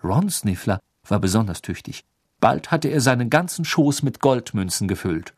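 A man reading a storybook aloud as narrator, in an expressive, even voice. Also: mid-range voice, moderate pace, dry recording, clean studio sound. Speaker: audiobook narrator.

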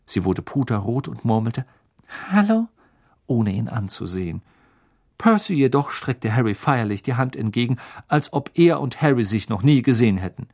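A man's voice: mid-range voice, normal speed, gravelly, a little mellow, no echo, clean studio sound. A man reading a children's fantasy book aloud as scripted narration, telling it expressively. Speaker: audiobook reader.

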